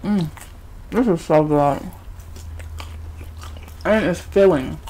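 Frau mit vollem Mund, langsam kauend. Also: female voice, fairly low pitch, slow, slight background noise, poor audio. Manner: relaxed, chatty, blunt, with loud murmurs of enjoyment. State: mouth full, chewing. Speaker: vlogger. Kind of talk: casual rambling chat while eating.

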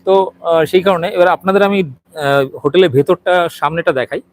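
A man's voice: a little high, fairly even intonation, normal speed, slight background noise, rough recording. A middle-aged man doing a walking video report, hesitant and full of fillers, showing viewers around a small restaurant. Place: outside and inside a small restaurant.

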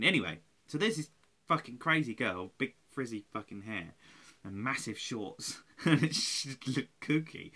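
A tired man of about forty rambles in a home webcam vlog, swearing and mocking himself. He sits close to the webcam in a small room at home, and his voice is medium-pitched, bright and forceful.

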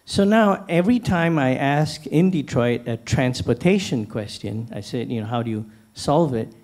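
A man's voice: medium pitch, lively intonation, darkish tone. Malaysian-born man moderating a panel. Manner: measured, anecdotal, frequent restarts. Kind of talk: panel discussion, posing questions. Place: large lecture hall on stage. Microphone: handheld microphone.

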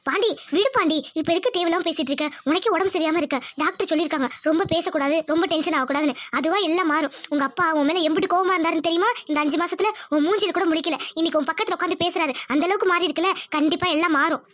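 A woman voicing a worried, caring middle-aged mother in a cartoon, gentle but firm. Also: very high voice, rapid-fire, few pauses. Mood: soothing. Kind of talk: cartoon dubbing.

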